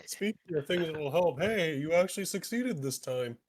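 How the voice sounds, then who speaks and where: A man playing in a tabletop game, joking and quick to laugh. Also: on the high side, expressive. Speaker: player. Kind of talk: casual game chat.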